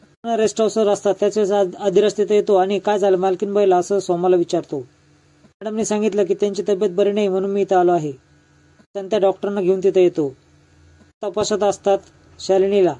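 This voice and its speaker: A man with a high but dark, mellow voice retells a serial episode scene by scene. His delivery stays level and flat, with little rise or fall. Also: a little fast. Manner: steady, even retelling with quoted dialogue. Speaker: serial recap narrator. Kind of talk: episode recap narration.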